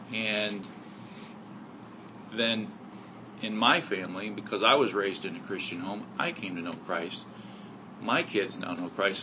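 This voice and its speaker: Middle-aged guy sharing his testimony, kinda low voice, says "you know" a lot, noisy room. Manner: earnest storytelling with many "you know" fillers. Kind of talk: testimony talk to a congregation.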